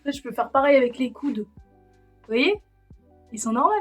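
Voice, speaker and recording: A woman's voice: sits high, normal speed, husky, no echo, soft background music. A young woman from France vlogging on her phone, rambling and joking at herself in a casual way. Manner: rambling, self-mocking and chatty. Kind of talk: casual vlog chat. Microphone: handheld phone.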